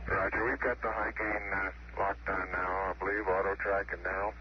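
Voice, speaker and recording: A man's voice: deep voice, flat delivery, normal speed. A man speaking as an astronaut over a radio link, matter-of-fact and technical. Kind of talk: spacecraft radio communication. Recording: dull, noisy archival space radio transmission.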